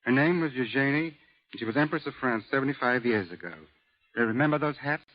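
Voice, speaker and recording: A man appears as a guest expert on a radio program, delivering scripted answers in a measured, matter-of-fact way. His voice sits at a medium pitch, and the old broadcast recording sounds dull.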